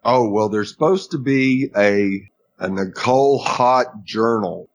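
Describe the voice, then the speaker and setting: A man's voice: lowish voice, takes it slowly. A man co-hosting a podcast, recapping a TV episode in easygoing casual chat and laughing along often. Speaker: podcast co-host.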